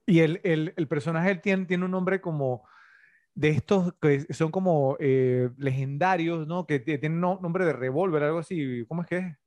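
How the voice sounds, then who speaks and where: Man, middle-aged, podcast co-host, slightly high voice, dry close sound, rambling with fillers. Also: moderate pace, darkish tone, no room sound. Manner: rambling, full of tag questions and fillers. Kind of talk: casual film-review chat.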